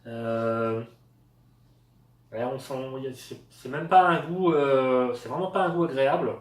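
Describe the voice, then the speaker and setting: A man's voice: medium pitch, unhurried. A man from France reviewing cheap store products in a casual, hesitant way, with lots of fillers. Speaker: product tester. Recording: echoey room, voice a bit far from the mic.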